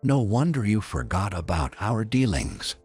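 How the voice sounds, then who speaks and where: A man playing a sarcastic business manager who speaks with mock gentleness in a storybook narration. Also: mid-range voice, expressive, moderate pace, faint music behind, close to an everyday voice. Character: sarcastic male business manager, coldly polite.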